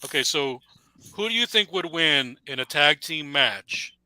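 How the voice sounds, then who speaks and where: A man with a strikingly bright, sharp voice, chatting on a livestream. He asks his questions in a polite, overly formal manner. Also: on the high side, animated, measured pace, slight background noise, low-quality recording. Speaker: stream participant. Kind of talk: casual chat.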